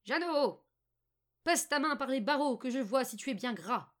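A woman voicing a cruel, half-blind old witch who barks her orders in a shrill, impatient voice. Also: measured pace. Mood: menacing.

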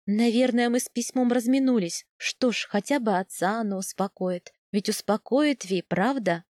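A woman voicing a brisk, wry noble mother in a storybook reading. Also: on the high side, darkish tone, dry recording, clean studio sound, natural voice.

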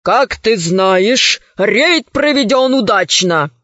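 A woman's voice: medium pitch, animated, takes it slowly, fairly bright tone, no room sound. A woman voicing a pompous, scarred villainous male admiral who talks with gloating, mock-courteous grandeur. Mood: fawning. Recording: dry, dull lo-fi recording.

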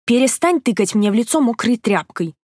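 A woman voicing a stubborn, feverish young woman who speaks hoarsely and indignantly. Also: mid-range voice, animated, normal speed, no room sound, studio quality, lightly acted.

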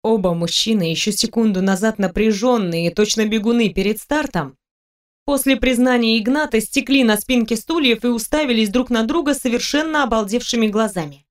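A woman narrating an audiobook in an even storytelling manner. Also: on the high side, brisk. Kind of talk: scripted narration.

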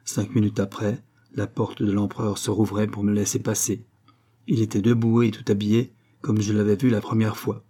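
A low-voiced man narrates a story in a measured, grave manner. His tone is mellow and dark, with a husky edge. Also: little pitch movement. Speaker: audiobook narrator.

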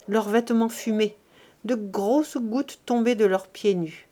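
A woman narrating a classic novel as an audiobook, in a measured, expressive reading. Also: fairly high pitch.

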